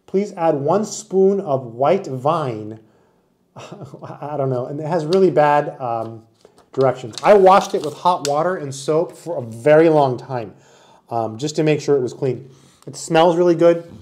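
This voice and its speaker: A man in his forties with a slightly high voice chats through a casual product review. He sounds enthusiastic and hands-on, demonstrating as he talks, recorded close on a camera mic in a small room. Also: a little mellow. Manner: chatty, enthusiastic, demonstrating while talking. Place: small indoor room with wood-panel wall.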